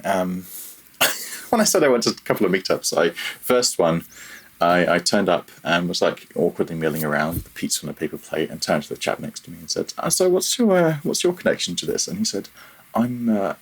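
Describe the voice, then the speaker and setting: A freelance audio programmer appearing as a podcast guest chats casually in an interview, self-deprecating and a little hesitant in how he phrases things. His voice is deep with a breathy edge, and he talks a little fast.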